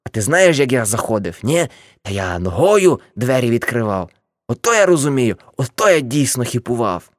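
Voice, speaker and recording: Brief: woman voicing older male ex-hippie, boastful, rambling, animated delivery, dry studio read. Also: extremely low pitch, moderate pace, no echo.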